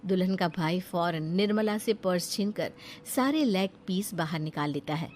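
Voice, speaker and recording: A woman's voice: fairly low pitch, normal speed, background noise. A woman reading scripted story narration.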